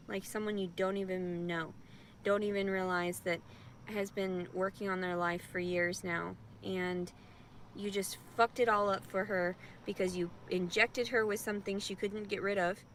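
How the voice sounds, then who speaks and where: A woman's voice: mid-range voice, fairly even intonation, moderate pace, a bit bright, slight background noise. A distressed ranting pregnant woman. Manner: tearful, ranting and repetitive. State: distressed and in pain. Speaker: vlogger. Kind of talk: emotional vlog rant.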